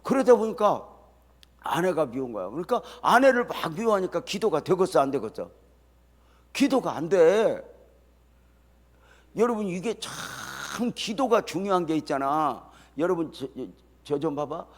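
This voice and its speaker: An older man, a retired pastor, preaching an early-morning sermon in a folksy storytelling way that swings from soft to loud. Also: a little high, sing-song, normal speed, in a large hall. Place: church sanctuary.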